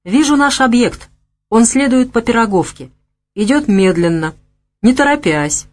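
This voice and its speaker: A woman reading the lines of a jittery young male gang scout who reports over a radio in a hushed, tense way. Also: a little high, expressive, measured pace, pitched above the performer's own voice.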